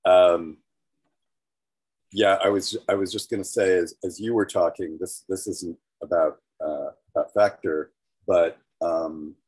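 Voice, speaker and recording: A man's voice: deep voice, a little mellow, slightly rough. A man talking over a video call whose connection keeps breaking up, hesitant with many restarts. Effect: choppy video-call connection breaking up. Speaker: call participant. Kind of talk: casual meeting chat.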